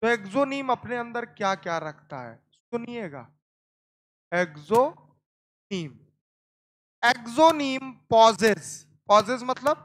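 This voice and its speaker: A male biology teacher with an extremely high, animated, fairly bright voice lectures slowly, leaving long pauses. He repeats terms, keeps asking the students whether they understood, quizzes them over and over, and calls them "beta".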